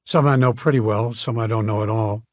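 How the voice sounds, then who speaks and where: A man's voice: fairly low pitch, fairly even intonation, brisk, no echo, clean studio sound, natural voice. A man reading an audiobook, voicing a friendly, talkative male coffee shop owner who speaks in a plainspoken way. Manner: warm, chatty and plainspoken.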